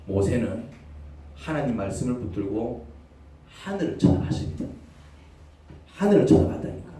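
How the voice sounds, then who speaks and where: A male pastor, preaching with big swings from loud cries to near whispers. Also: medium pitch, heavy reverb, far from the mic, slight background noise. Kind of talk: sermon. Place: church sanctuary.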